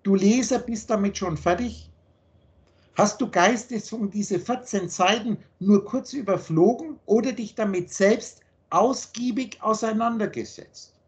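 Blunt high-voiced German man lecturing. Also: unhurried. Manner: insistent, blunt, lecturing with everyday examples. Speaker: spiritual teacher. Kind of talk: lecturing on a video call. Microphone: video call.

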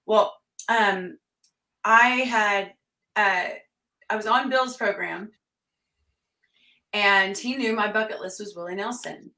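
A woman with a bright, forceful voice tells stories in an animated way, with sudden loud bursts when she acts out quotes. She sits a little back from the mic, so the voice sounds slightly distant. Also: mid-range voice, takes it slowly, pauses often, reverberant. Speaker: country singer and fiddler, guest. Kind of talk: storytelling interview chat.

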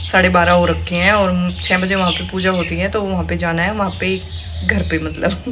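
A woman's voice: on the low side, little pitch movement, normal speed. A young woman chatting casually to her viewers in a vlog, filmed in a village on a phone. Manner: chatty, talks straight to viewers. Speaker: vlogger. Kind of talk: casual vlog chat to camera. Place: village roadside and home, outdoors. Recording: noisy phone recording.

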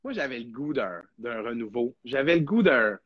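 A man's voice: medium pitch, lively intonation, moderate pace, no room sound, muffled recording. A young man with a Québécois French accent hosting a casual live podcast, chatty and rambling with lots of fillers. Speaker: podcast host.

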